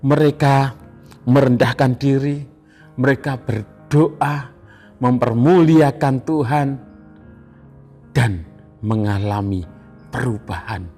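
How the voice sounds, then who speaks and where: A man with an Indonesian accent preaching an evening devotional sermon, slow and emphatic, repeating phrases. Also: mid-range voice, mellow, soft background music. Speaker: pastor.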